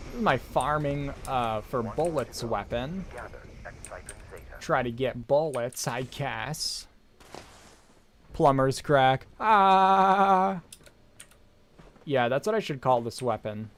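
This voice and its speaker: A male game streamer chats loosely while he plays, rambling and joking with his viewers. His voice sits at an ordinary middle pitch and his delivery stays casual and unscripted. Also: unhurried, a little hiss or hum. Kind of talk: casual live gameplay commentary.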